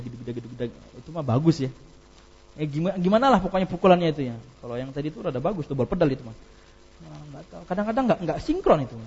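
A man's voice: sits high, darkish tone, breathy edge, lo-fi sound. A man giving an informal religious lecture, telling anecdotes with laughter and reciting Arabic passages. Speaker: preacher.

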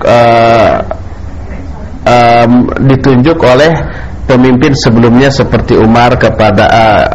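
A man speaks like a preacher giving a religious lesson. His mid-pitched voice explains point by point, leaning on rhetorical questions and repetition. There is some noise behind him in the recording. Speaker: Islamic preacher answering questions. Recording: clearly noisy background, room ambience.

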